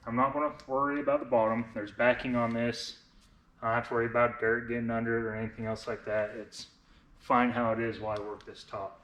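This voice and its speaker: A man's voice: mid-range voice, flat delivery, fast talker, a bit bright. A man in his thirties with a slight lisp from braces, casually narrating a hands-on tutorial step by step as he works. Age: 30s. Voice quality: slightly lisping speech from wearing braces. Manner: informal, explains each step as he works. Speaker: vinyl wrap installer, presenter of a how-to video. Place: indoors in a garage workshop. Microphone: camera on a tripod, a short distance away. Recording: echoey garage with clear background noise, clicks.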